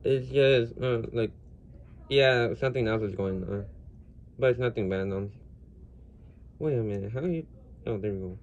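Man, casual toy review, rambling, lots of fillers, mid pitch, faint noise behind. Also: normal speed, pauses often, dull audio. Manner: rambling, many fillers and restarts; gets loud at times. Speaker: Lego reviewer. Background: faint household noise.

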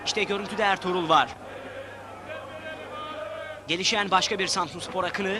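A man narrating football highlights as a commentator, in a scripted style. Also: fairly even intonation, moderate pace. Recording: very noisy broadcast, loud crowd.

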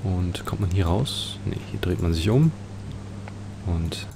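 Taking it slowly, a low-voiced man hosts a let's play, casually musing aloud as he describes what he sees in the video game. The home recording is clearly noisy.

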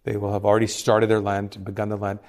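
A man's voice: fairly low pitch, monotone, quick pace, darkish tone. A man who is a monsignor hosting a podcast, teasing his co-host dryly and explaining church practice reflectively. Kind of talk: casual conversational podcast.

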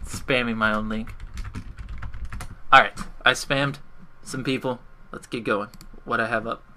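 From his bedroom, a young gaming livestreamer gives casual live commentary in a very bright, forward voice of medium pitch, unhurried and fairly even in intonation. He's chatty and self-deprecating, talking to chat as he plays. Keys clack faintly amid slight background noise.

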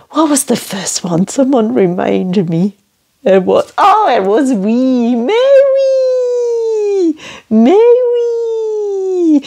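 With a dark, husky voice and a Geordie accent from northeast England, a woman teaches French sounds to children. Her slow, animated lesson uses an exaggerated, sing-song delivery full of big pitch leaps.

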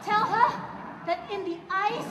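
A woman's voice: extremely high pitch, unhurried, lo-fi sound. A woman playing an overwrought soldier in the thick of battle in a stage comedy. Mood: wounded, straining. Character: frantic soldier who gets wounded passing on a message. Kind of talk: comic stage acting. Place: large theatre stage with audience. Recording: far off, echoey, noisy audience.

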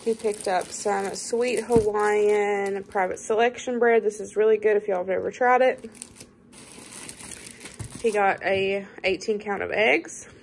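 A woman with a Southern US accent sits at her kitchen table, chatting casually to the camera as she shows off a grocery haul for her vlog and often says "y'all." Her voice is mid-range, and the audio quality is poor, with a little hiss or hum.

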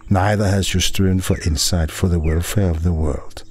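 A monk voicing a calm, steadfast young prince who answers a demon with measured words. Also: male voice, sits low, faint music behind, lightly acted.

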